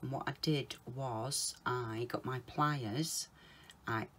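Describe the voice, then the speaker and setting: A woman talking viewers through a polymer clay project, chatting casually, calling them guys and murmuring softly to herself as she works. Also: very deep voice, fairly even intonation, slow. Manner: chatty, often calls viewers guys, mutters softly to herself while working. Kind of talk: casual crafting tutorial.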